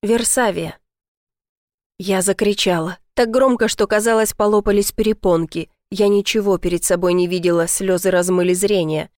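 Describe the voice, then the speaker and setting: A woman narrating a romance novel in first person with an emotional, expressive delivery. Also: medium pitch, normal speed, no room sound, studio quality. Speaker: audiobook narrator.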